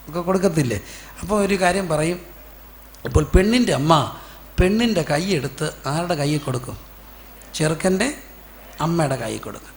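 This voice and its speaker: A male pastor from giving a sermon. He asks the congregation questions and answers them himself, and acts out quoted voices in sudden loud bursts. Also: fairly high pitch, creaky, slight background noise.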